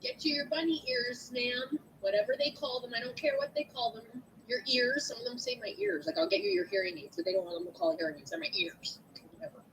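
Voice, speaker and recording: Woman, instructor, high voice, swooping animated delivery. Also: fast talker, hardly any pauses, a little hiss or hum, rough recording. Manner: animated, acts out client scenes. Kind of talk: classroom lecture.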